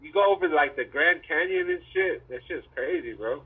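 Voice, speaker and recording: Dude with frat bro talk, cusses a lot, highish voice, kinda muffled words, tinny phone-like sound. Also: male voice, lively intonation, moderate pace, breathy edge. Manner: frat bro slang, heavy swearing. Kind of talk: casual chat.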